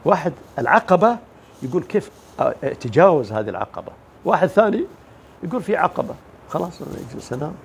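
A man's voice: a little high, sing-song, fast talker, gravelly, a little hiss or hum. A man giving a motivational religious talk, emphatic, asking rhetorical questions and mimicking the people he describes. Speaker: motivational speaker.

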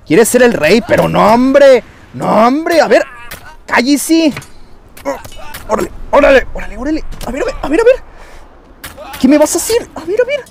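A man with a Mexican Spanish accent giving excited gameplay commentary as a YouTuber, taunting opponents and yelling at the screen. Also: very high-pitched, moderate pace, gravelly, pauses often. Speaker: gaming YouTuber.

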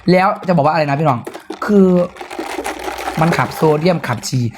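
Isan accent guy selling stuff on a live stream, loud and excitable, squeals up high now and then. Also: moderate pace, noisy background. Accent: Isan (northeastern Thai). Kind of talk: live-stream sales pitch.

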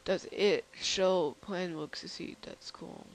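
A tired young man hosting a casual software demo, rambling and halting with lots of fillers. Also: high voice, fairly even intonation, poor audio. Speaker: channel host.

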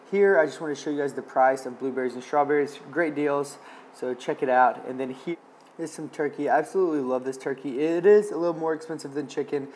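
A young man in a casual how-to vlog, upbeat and instructive, walking viewers through cooking step by step. His voice sits at an ordinary middle pitch. A faint hum of ambience sits behind him, picked up by a camera mic in a home kitchen. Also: a little mellow. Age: young adult. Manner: upbeat, instructive, keeps saying okay. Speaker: medical student vlogger. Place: home kitchen indoors and grocery store.

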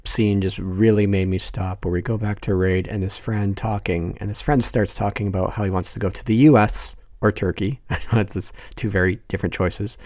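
A man's voice: on the low side, steady tone, moderate pace, hardly any pauses, a little mellow, dry recording, studio quality. A man narrating a casual film commentary, amused and chuckling as he talks. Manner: amused, chuckles through lines. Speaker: video essay host.

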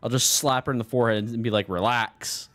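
A man's voice: mid-range voice, rapid-fire. A young man co-hosting a let's-play, chatting casually and making crude jokes. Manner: crude joking, lively. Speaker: gaming co-host.

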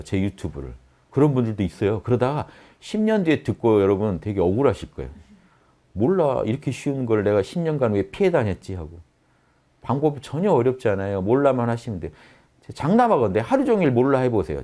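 A man giving a spiritual lecture on meditation, acting out inner voices in a soft murmur. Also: mid-range voice. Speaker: meditation teacher. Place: lecture hall.

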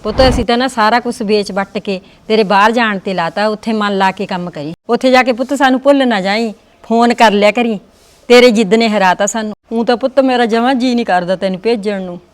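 A tearful mother seeing her son off abroad, played by a woman, pleading with a high Punjabi voice. Soft music runs faintly beneath her lines. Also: a little fast, natural voice.

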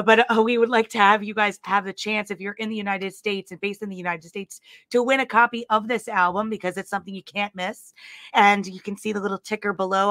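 Hoarse chatty woman host. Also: mid-range voice, dry recording, studio quality. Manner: chatty, excited, with many fillers and restarts. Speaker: podcast host. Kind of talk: live interview.

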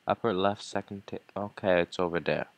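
A man's voice: deep voice, fairly quick, vocal fry, no room sound. Brief: male let's play commentator, playful, rambling, dry close sound. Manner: rambling, playful, mumbled asides. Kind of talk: game commentary.

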